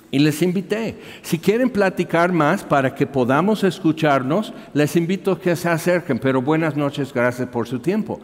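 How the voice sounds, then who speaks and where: Man telling a story in an echoing hall. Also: on the high side. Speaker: missionary preacher. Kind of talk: storytelling sermon. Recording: reverberant hall.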